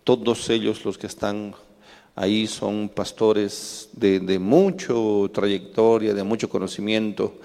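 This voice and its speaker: A man's voice: lowish voice, steady tone, slow pace, gravelly, dark tone. A male pastor addresses his church informally, hesitating and repeating words. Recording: echoey hall with long reverb.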